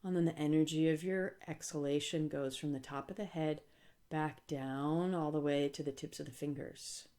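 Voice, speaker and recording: Calm and gentle, this yoga instructor talks listeners through a guided relaxation, pausing deliberately between phrases. Her voice is deep.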